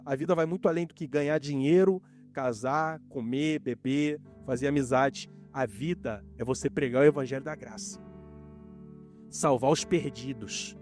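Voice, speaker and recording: A man with a Brazilian Portuguese accent preaching a sermon to a congregation, rising and falling sharply and acting out quoted voices. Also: on the high side. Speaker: pastor. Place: church in front of a congregation.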